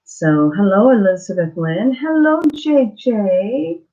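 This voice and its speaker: A woman hosting a casual live chat, greeting viewers haltingly and apologetically, her mouth swollen and slightly thick-sounding after dental surgery. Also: mid-range voice, expressive, mellow. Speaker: livestream host. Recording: dull lo-fi livestream audio.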